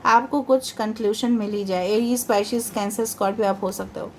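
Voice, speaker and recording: A woman's voice: medium pitch, steady tone, unhurried, a little mellow, a little hiss or hum. A woman giving a tarot reading, chatty and reassuring, often mixing English into her talk. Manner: chatty, reassuring, mixes English into Hindi, repeats "theek hai". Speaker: tarot reader.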